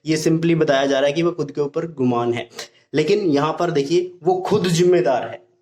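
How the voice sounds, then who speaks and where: A man with a slightly raised pitch teaches grammar patiently and repeats his points. He reads the English example sentences slowly and clearly. The sound carries a roomy echo. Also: darkish tone. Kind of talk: Hindi-language grammar lesson. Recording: echoey room.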